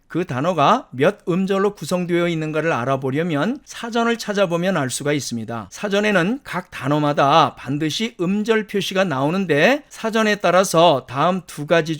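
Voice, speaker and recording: A man who speaks Korean as his first language gives a methodical lecture over slides, counting items aloud one by one as an English pronunciation teacher. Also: on the high side.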